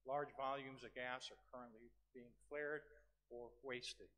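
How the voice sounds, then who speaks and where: A man delivers a podium speech at a conference in a mid-pitched voice. He presents formally and slips in modest, informal asides as he goes. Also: steady tone, measured pace, bright, forceful tone. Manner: informal asides, self-deprecating. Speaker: conference speaker. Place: large conference venue, speaking from a podium.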